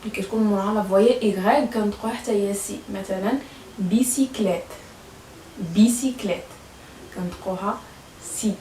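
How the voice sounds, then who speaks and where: A woman's voice: medium pitch, fairly even intonation, very fast, dark tone. Moroccan lady teaching french sounds, lots of umms, echoey room, faint hiss behind. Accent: Moroccan Arabic. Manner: hesitant, with many fillers and repeated words. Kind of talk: explaining French pronunciation to learners. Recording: echoey room, voice a bit far from mic.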